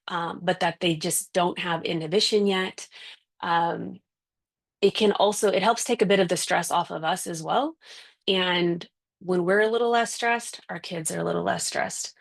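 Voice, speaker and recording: Woman parenting coach, low and gravelly, chatty and emphatic, asks rhetorical questions. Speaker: parenting specialist. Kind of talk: parenting talk.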